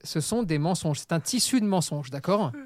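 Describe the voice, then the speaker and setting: A man's voice: on the high side, expressive, moderate pace. A man co-hosting a casual podcast chat, playing up mock indignation and drama. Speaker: podcast co-host.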